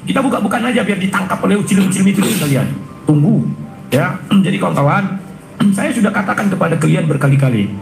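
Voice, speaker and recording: A man ranting indignantly on a live stream, clearing his throat often. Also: high voice, echoey room, rough recording. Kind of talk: heated live-stream rant.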